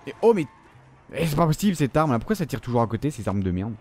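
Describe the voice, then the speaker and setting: Man, live gameplay commentary, profane, frustrated ranting, self-calming. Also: mid-range voice, fast talker, faint music behind. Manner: profane, frustrated ranting that swings between outbursts and calming himself. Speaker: gamer recording his gameplay.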